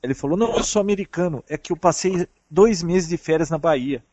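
A man with a Brazilian Portuguese accent chatting over a call, telling lively travel stories in an animated way. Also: fairly high pitch, brisk, dull audio, slight background noise. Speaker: traveling podcast guest. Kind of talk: casual chat over a call.

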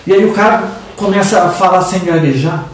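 A man's voice: a little fast, distant mic. Male co-host, explainer type, talks from across an echoey room. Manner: explanatory, lively pitch swings. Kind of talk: casual tech chat.

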